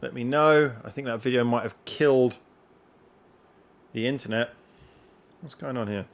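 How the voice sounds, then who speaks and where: A young man hosts a relaxed live stream from his computer. His voice sits at a medium pitch, and his chat rambles with frequent laughs. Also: normal speed. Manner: rambling and chatty, laughs often.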